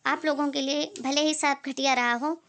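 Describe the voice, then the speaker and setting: A woman's voice: high-pitched, steady tone, moderate pace, a bit bright, no room sound. A woman playing a polite young daughter-in-law. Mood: indignant. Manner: polite, firm.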